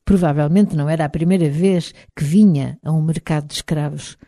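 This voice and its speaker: Woman, European Portuguese accent, audiobook narration, low, warm, dry. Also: fairly quick, dry recording. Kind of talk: first-person audiobook narration.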